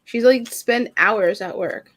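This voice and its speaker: A woman's voice: medium pitch, takes it slowly, a bit bright, a little hiss or hum. A woman co-hosting a casual mom podcast, rambling and filling her talk with "like". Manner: rambling, heavy use of "like". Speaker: podcast co-host. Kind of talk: casual chat.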